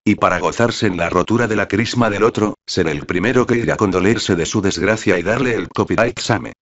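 A man's voice: lowish voice, fairly quick, fairly bright tone. A merciless, sardonic gossip with a thin, cutting voice, read by a male narrator. His words drip with caustic scorn. The sound is somewhat dull and lo-fi. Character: cynical sharp-tongued man, merciless gossip. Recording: dull lo-fi audio.

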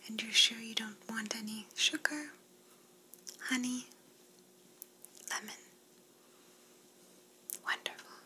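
A woman's voice: on the high side, slow, long pauses, bright, forceful tone, slight background noise, full character voice. A young woman playing an attentive, courteous flight attendant in a whispered role-play, speaking politely as she offers service. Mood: courteous, soothing. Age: young adult.

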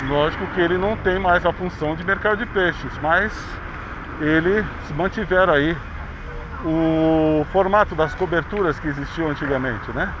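A man's voice: a little high, moderate pace. A Brazilian man narrating a city bike ride outdoors, chatting like a tour guide and pointing things out along the way. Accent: Brazilian Portuguese. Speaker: vlogger. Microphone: action camera on handlebars. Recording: dull action-camera audio with street noise.

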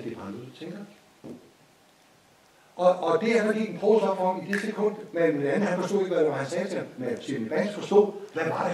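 Danish guy lecturing a course, kinda high voice, far off mic in a really echoey room. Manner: storytelling, repeats phrases, animated asides. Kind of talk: informal spoken lecture. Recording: echoey hall from a distance.

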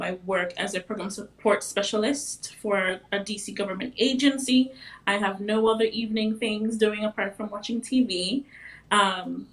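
A woman from Jamaica with a slight Jamaican accent, a relaxed, self-deprecating panel guest on a video call. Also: mid-range voice. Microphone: video call webcam.

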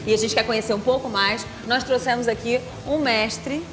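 A woman TV host leading an interview in a lively, chatty, teasing way. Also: fairly high pitch, moderate pace, big-room sound, over music.

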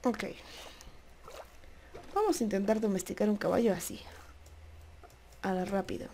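Woman gamer, chatty and playful, gravelly edge to the voice. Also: medium pitch, normal speed, dark tone. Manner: chatty, coaxes animals playfully. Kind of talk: casual gameplay commentary. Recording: noisy home recording.

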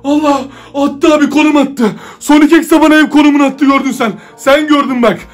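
A man vlogging casually, brash and taunting, talking in slang with excitable energy. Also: extremely high pitch, brisk. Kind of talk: casual horror-challenge vlog.

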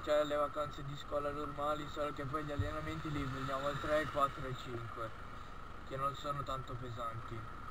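A man's voice: fairly high pitch, little pitch movement, normal speed. A teenage boy chatting casually inside a motorcycle helmet as he rides, recorded on an action camera's own microphone. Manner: talking inside a motorcycle helmet while riding. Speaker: motovlogger. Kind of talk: casual chat while riding. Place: outdoors on a moped in town traffic. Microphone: action camera's built-in microphone, no external mic. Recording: loud engine and wind noise, poor camera microphone.

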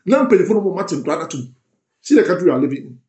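Commentary host: Ghanaian man, fairly high voice, mixes English and Twi, roomy echo. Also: racing. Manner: switches between English and Twi, animated and emphatic. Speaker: online show host. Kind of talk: political commentary.

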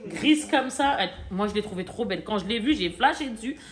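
A woman's voice: mid-range voice, lively intonation, fairly quick. A chatty woman in her forties talking casually to viewers as she shows off a shopping haul. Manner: chatty, talks straight to viewers, many fillers and asides. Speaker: vlogger showing a shopping haul. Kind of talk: casual haul vlog chat.

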